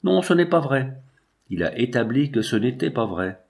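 A man's voice: mid-range voice, big pitch swings, moderate pace, vocal fry, a little mellow. A man reading an earnest, pleading teenage girl. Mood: insistent. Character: earnest fifteen-year-old girl, grieving and pleading.

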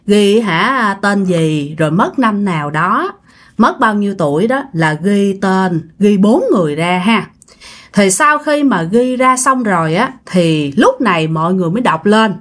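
A woman with a Southern Vietnamese accent telling a ghost story in a chatty, casual way with many drawn-out fillers. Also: mid-range voice.

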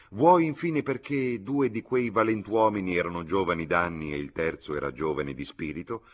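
A man reading a novel aloud in a measured, expressive audiobook narration. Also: low-pitched, husky. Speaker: audiobook reader.

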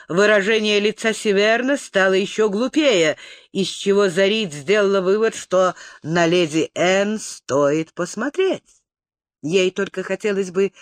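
Expressive audiobook narrator, animated delivery, dry close mic. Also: medium pitch, no room sound. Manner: expressive storytelling. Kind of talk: scripted narration.

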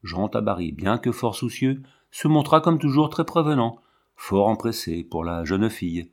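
A man narrates a novel in a low, measured voice with expressive phrasing. The reading is steady and scripted. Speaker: audiobook reader.

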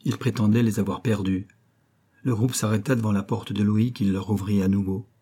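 A man reading a novel aloud as an audiobook narrator, in a measured, even literary style. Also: on the low side, husky. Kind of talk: scripted narration.

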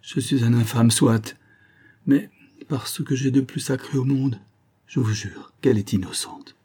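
A man's voice: medium pitch, a little slow, warm tone, breathy edge, voice pushed up. A man reading aloud, voicing a remorseful young male officer who pleads in distraught outbursts. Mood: pleading.

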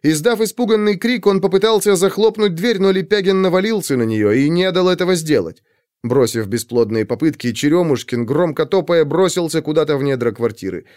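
A man narrating a crime story as a scripted audiobook, in an expressive, dramatic way. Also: a little high, no echo, clean studio sound.

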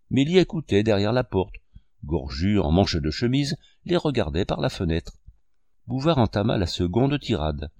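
Low-voiced male audiobook narrator. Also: darkish tone, no room sound. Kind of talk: classic novel reading.

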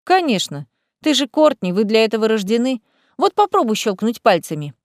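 A woman's voice: fairly high pitch, big pitch swings, moderate pace, no room sound, clean studio sound. A woman reading the part of a sly, greedy young female cat familiar who talks in a lazy, teasing, mocking way. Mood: instructing. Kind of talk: audiobook character voice.

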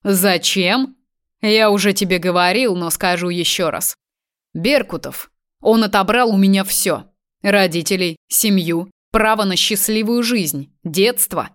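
A man's voice: high voice, unhurried, fairly bright tone. A woman reading the part of a cruel, vengeful male kidnapper who taunts and gloats. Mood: gloating. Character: vengeful cruel young man kidnapper, mocking.

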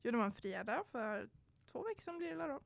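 A woman's voice: on the high side, very animated, creaky. Young woman chatting, teasing co-host. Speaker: podcast co-host. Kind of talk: casual chat.

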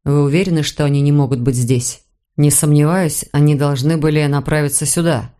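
A woman reading an audiobook, voicing a stern man who gives brisk orders in a lowered voice. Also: fairly even intonation, dark tone, lightly acted. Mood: curt. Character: curt stern adult man. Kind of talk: audiobook character voice.

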